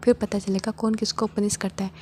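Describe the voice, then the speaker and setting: Girl reading a smug teasing guy, mellow soft voice. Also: medium pitch, level tone, fairly quick, a little hiss or hum, close to an everyday voice. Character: teasing playful young man, smug.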